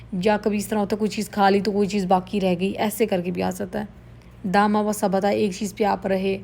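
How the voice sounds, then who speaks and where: Her voice mid-range and darkish, a woman patiently teaches Arabic vocabulary using Urdu blended with English. She explains every word slowly and says it again.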